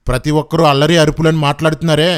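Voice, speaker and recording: Combative, mocking man, fairly high voice. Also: level tone, rapid-fire, clear, resonant tone. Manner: mocking, fires rhetorical questions. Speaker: commentator rebutting preachers. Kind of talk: combative religious rebuttal.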